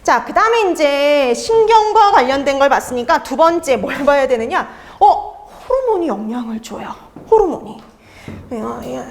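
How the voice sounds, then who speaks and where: Woman lecturer, high lively voice, exam-prep lesson, asks and answers her own questions. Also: moderate pace. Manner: asks students questions and answers them herself; repeats key terms for emphasis.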